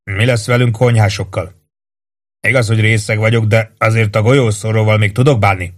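A man's voice: fairly low pitch, fairly even intonation, lightly acted. A man voicing a curt drunk army cook. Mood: flat. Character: blunt drunk male army cook, flat-faced.

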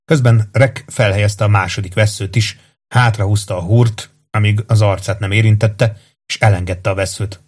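A man's voice: on the low side, fairly even intonation, a little mellow, slightly rough. Man narrating a fantasy audiobook. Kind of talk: scripted narration.

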